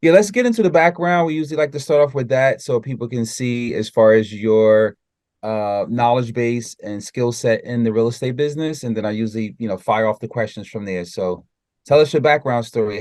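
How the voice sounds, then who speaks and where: A man's voice: medium pitch, brisk, a little mellow, no room sound. A man in his forties hosting a real estate interview podcast, upbeat and welcoming, on a studio mic. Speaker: podcast host. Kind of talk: interview show intro. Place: home studio. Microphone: large studio microphone on boom arm.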